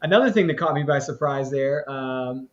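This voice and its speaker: The slightly dull lo-fi recording captures a live interview stream host speaking at medium pitch and normal speed. His storytelling rambles and is full of filler words.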